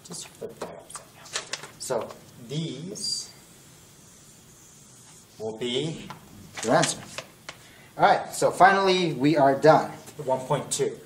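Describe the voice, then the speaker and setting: At a whiteboard in a classroom, a young math tutor thinks out loud through a problem during a casual lesson, catching his own errors. His voice is medium in pitch and animated, yet he goes slowly with long pauses, sounding strained as if losing it. A distant camera-mounted mic records the echoey room with faint noise.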